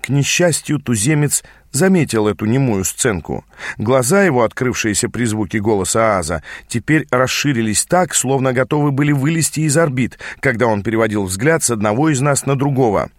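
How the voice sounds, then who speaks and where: A man reading a story aloud as audiobook narrator, in a measured, even manner. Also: medium pitch, no room sound, studio quality. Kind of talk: scripted narration.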